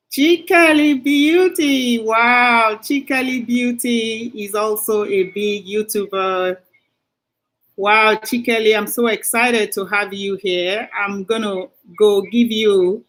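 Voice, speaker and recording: Slow, effusive woman hosting a livestream. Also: mid-range voice, a bit bright. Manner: effusive, greets viewers by name. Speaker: livestream host. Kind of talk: casual livestream greeting.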